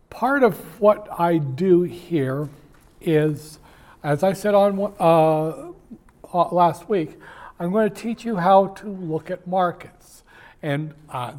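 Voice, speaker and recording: A man with a fairly high but darkish-toned voice gives a university finance lecture in a classroom. He jokes, digresses, speaks directly to his students, and fills his talk with fillers and frequent restarts.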